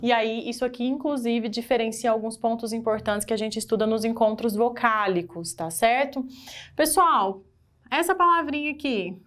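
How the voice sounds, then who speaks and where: Woman, Brazilian Portuguese accent, fairly high voice, lively teacher, quizzes her students. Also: normal speed. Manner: animated, asks the class questions and stresses key words. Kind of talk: exam-prep grammar lesson.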